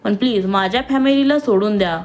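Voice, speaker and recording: A woman's voice: mid-range voice, a little fast, soft background music, natural voice. A woman voicing a young man who protects his family and talks in an earnest, pleading way.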